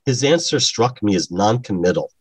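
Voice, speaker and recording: A man's voice: fairly low pitch, expressive, normal speed, slightly rough, dry recording, pitched below the performer's own voice. A man voicing a confident young woman, a stage witch, who speaks breezily and self-assured. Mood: breezy.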